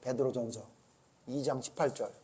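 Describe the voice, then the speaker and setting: A man preaching a sermon as pastor, urging his congregation with questions he answers himself, swinging between loud emphasis and quiet asides. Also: medium pitch, fairly even intonation, normal speed, a little hiss or hum.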